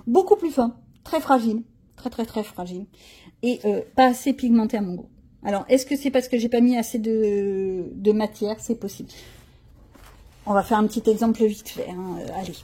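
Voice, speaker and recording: A woman's voice: a little high, steady tone, normal speed, warm tone, slightly rough. A middle-aged woman chatting casually about her art supplies, thinking aloud as she demonstrates them, with frank slangy asides. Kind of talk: casual show-and-tell chat.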